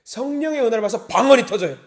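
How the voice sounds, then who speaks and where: A male pastor giving an early-morning sermon, reading scripture slowly and acting out indignant prayers in a raised voice. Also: extremely high pitch, expressive. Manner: reads scripture slowly and deliberately.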